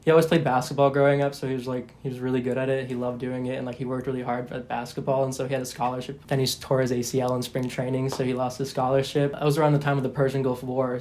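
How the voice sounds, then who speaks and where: A man's voice: medium pitch, darkish tone, a little hiss or hum. An eighteen-year-old man telling a story casually in a documentary interview.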